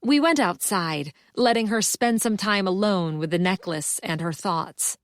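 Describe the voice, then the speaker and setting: A woman's voice: mid-range voice, a little slow, dry recording. Woman narrating a cozy mystery, dry studio sound. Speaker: audiobook narrator. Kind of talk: scripted first-person cozy mystery narration.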